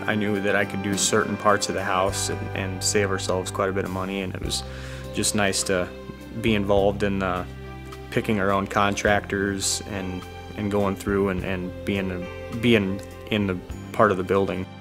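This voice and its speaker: Low, monotone man in a halting testimonial. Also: over music. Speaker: customer giving testimonial. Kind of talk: casual conversational testimonial.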